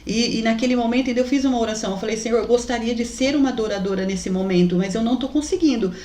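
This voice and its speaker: A woman's voice: a little high, racing, dark tone. A woman giving an emotional faith testimony as a mother, fervently addressing listeners as brothers. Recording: roomy echoey recording.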